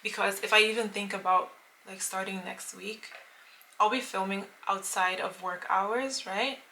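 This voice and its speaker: Bright-voiced chatty young woman vlogger. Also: medium pitch, steady tone, a little slow, a little hiss or hum, rough recording. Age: late 20s. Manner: chatty and rambling, many fillers and restarts. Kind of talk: casual vlog chat to camera.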